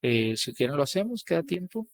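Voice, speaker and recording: A man's voice: on the high side, sing-song, a little fast, creaky. A man teaching a live online coding lesson, casual and checking in with students often.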